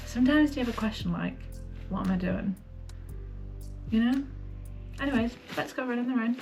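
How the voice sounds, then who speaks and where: A woman's voice: on the high side, normal speed, long pauses, over music. Chatty woman vlogger talking casually to camera. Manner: informal, chatty, self-deprecating. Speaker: running vlogger.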